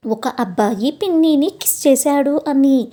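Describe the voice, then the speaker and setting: In a high voice that moves a little slowly, a channel host shares a romantic story from her own point of view. She performs the dialogue, speaks expressively and talks right to those listening.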